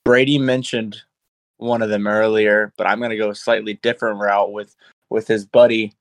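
A man's voice: lowish voice, little pitch movement, moderate pace, dry recording. A man co-hosting a podcast in casual chat, playful and laughing often. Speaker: podcast co-host.

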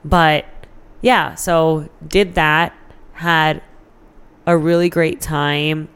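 An American woman appears as an interview guest, chatting candidly and informally and swearing freely as she shares personal stories. Her voice is deep, clear, and resonant, with a fairly bright tone and fairly even intonation. She speaks very slowly.

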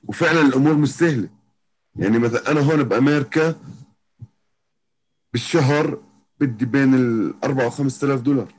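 A man's voice: mid-range voice, fast, long pauses, darkish tone, poor audio. A man from Jordan with a Palestinian-Jordanian Arabic accent, chatting casually as an interview guest and often circling back over his phrases. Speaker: interview guest, professional MMA fighter. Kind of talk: casual chat.

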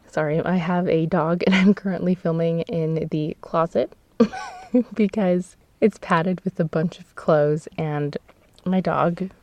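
A woman's voice: on the low side, slow, darkish tone, muffled recording. A woman hosting a casual podcast from inside a clothes-padded closet, chatty, laughing often and correcting herself as she goes. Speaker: podcast host. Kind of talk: casual seasonal podcast chat. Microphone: close microphone.

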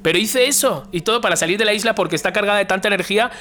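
The voice is a man with a somewhat high voice, telling a long tale in a relaxed conversation. He jumps into the voices of the people he quotes. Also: very fast. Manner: animated, acts out quoted dialogue. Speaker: guest telling a story. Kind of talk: casual storytelling chat.

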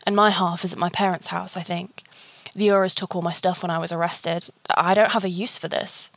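A woman reading the lines of a weary imprisoned man, hoarse with emotion, quiet and halting, in a storybook reading. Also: lowish voice, little pitch movement, no room sound. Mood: grieving. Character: weary imprisoned grown man, grieving and bitter.

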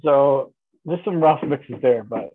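A man's voice: mid-range voice, slow, narrow, tinny audio, slight background noise. A man talking casually as a podcast guest about his film and music work, hesitant with many restarts and fillers. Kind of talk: casual interview chat.

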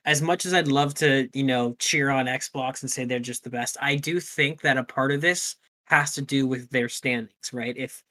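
A man's voice: mid-range voice, steady tone, moderate pace, few pauses, bright, forceful tone. A man co-hosting a casual gaming news podcast, talking loosely, swearing offhandedly and often restarting his sentences. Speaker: podcast co-host.

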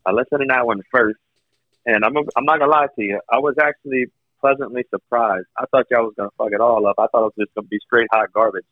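A man calling in by phone as a podcast guest, giving blunt, candid feedback in casual chat, his voice thin with no bass. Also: steady tone, quick pace, no echo. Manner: blunt, candid critique, loose with swearing. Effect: thin phone line with no bass. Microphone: phone speakerphone. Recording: dull, thin phone-call audio.

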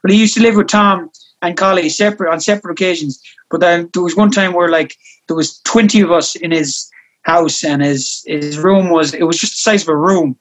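A man's voice: high-pitched, fairly even intonation, brisk, a bit bright. A man with a west of Ireland accent telling casual anecdotes as a guest, rambling and repeating himself, with some swearing. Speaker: podcast guest, comedy actor.

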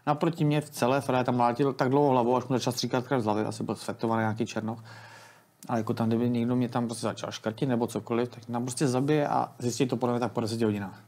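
A man in his thirties, appearing as an interview guest, tells a long story in casual, rambling, colloquial speech, restarting often. His medium-pitched voice is level in tone and a little mellow.

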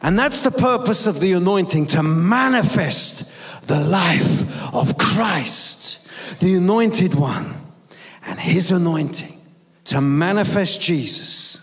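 Emphatic preacher in a big echoing hall. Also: male voice, high-pitched, lively intonation, takes it slowly, fairly bright tone, faint music behind. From London. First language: Greek. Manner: emphatic, jokey, call-and-response with congregation. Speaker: evangelist preacher. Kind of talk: sermon. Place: church hall.

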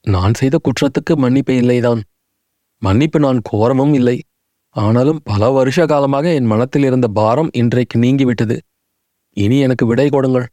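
A man's voice: medium pitch, moderate pace, dark tone, no echo, lightly acted. A man voicing a remorseful, dignified aging chief minister who pleads humbly.

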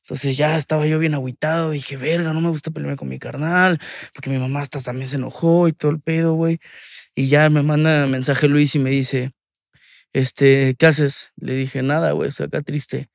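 A young man with a Mexican accent, a guest musician talking in a casual, slangy, excitable way. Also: on the high side, moderate pace, creaky, no echo, studio quality. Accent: Mexican Spanish. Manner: slangy and excitable, acts out quotes. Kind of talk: casual interview chat.

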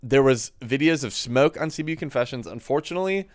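A young man in casual podcast chat, his voice sitting at an ordinary middle pitch. He talks in a relaxed, chatty way, dropping dry, deadpan comments. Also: fast talker. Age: young adult. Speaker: podcast co-host, college resident assistant.

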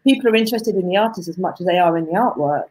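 A woman's voice: on the low side, racing, darkish tone, slightly rough. A woman speaking as an interview guest in a casual, reflective way, thinking aloud as she goes. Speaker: interview guest, author on art marketing.

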